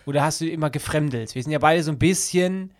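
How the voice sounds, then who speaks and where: A man's voice: a little high, fast. Young man hosting a teasing chat. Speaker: podcast host. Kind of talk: casual chat.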